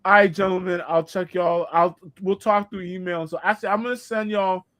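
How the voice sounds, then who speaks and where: A man's voice: high-pitched, steady tone, a little fast, fairly bright tone. A man from Boston with a pseudo New York accent, a guest on a casual podcast who talks in a loose, rambling way with lots of fillers. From Boston, Massachusetts. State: recovering from dental surgery. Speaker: guest content creator.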